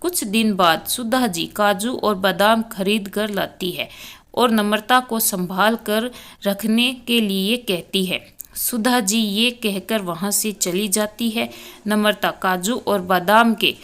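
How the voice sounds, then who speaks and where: A woman narrates a family tale in a slow, unhurried way. Her voice sits at an ordinary middle pitch. She reads steadily and names each character before voicing their lines. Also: fairly bright tone. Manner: unhurried storytelling delivery, voicing each character by name cue. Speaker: storyteller. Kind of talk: scripted narration of a family story, reading all parts.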